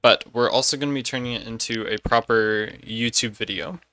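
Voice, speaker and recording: A man's voice: mid-range voice, a little fast, bright, forceful tone, a little hiss or hum. A man streaming a game and chatting casually, rambling and correcting himself as he goes. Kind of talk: casual live-stream chat.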